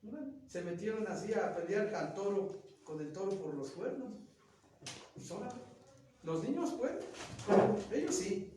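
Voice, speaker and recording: A man with a Mexican Spanish accent lectures students, his voice high and full of swings as he acts out quoted lines. He is picked up from far across an echoing room, with a faint hiss behind him. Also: lively intonation, unhurried, pauses often, warm tone. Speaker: teacher. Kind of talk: classroom lecture.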